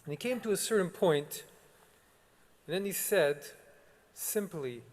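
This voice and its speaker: A man, a rabbi, delivering a solemn, measured sermon with long pauses. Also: sits high, lively intonation. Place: synagogue sanctuary. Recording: long reverb of a large sanctuary.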